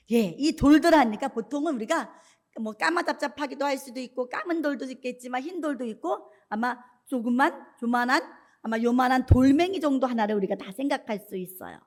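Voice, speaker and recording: A woman pastor giving a lively sermon, often putting questions to the congregation. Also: sits high.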